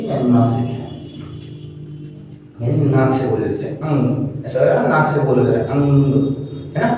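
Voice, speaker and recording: A man's voice: fairly high pitch, noisy background. A man teaching a classroom grammar lesson, asking questions and answering them himself while writing on a board. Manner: writes on a board while explaining. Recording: echoey room, far from the mic.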